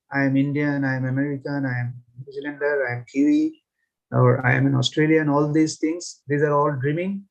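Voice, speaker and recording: A man's voice: fairly high pitch, highs cut off. A man in a class audience thanking the speaker and earnestly explaining a devotional point. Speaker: class attendee commenting. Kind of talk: devotional comment.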